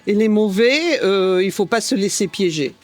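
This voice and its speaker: A woman's voice: medium pitch, animated, moderate pace, darkish tone, soft background music. A woman giving a short, unscripted answer as an interviewee.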